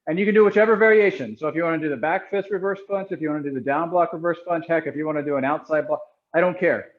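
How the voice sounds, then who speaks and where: A slightly muffled recording of a man with a fairly high voice teaching martial arts. He explains the exercise informally, in the everyday language of a class instructor. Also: racing. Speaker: karate instructor.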